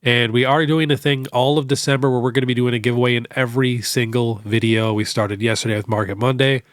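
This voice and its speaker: A young man whose nose is stuffed up from a cold hosts a casual Q&A about card collecting, relaxed and chatty with lots of fillers like "you know." He talks quickly in a mid-range voice, in a dry, studio-quality recording.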